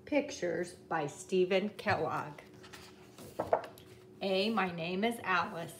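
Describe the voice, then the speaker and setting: A woman reading a children's picture book aloud at a table, in a slow, careful read-aloud cadence. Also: lowish voice, roomy sound, background noise. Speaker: reader. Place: indoors at a wooden table.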